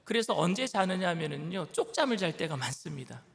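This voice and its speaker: High-voiced male pastor preaching in a hall. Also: big pitch swings, a little fast, vocal fry. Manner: conversational preaching, acts out disciples' complaints. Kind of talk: sermon. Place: church sanctuary. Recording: church hall reverb.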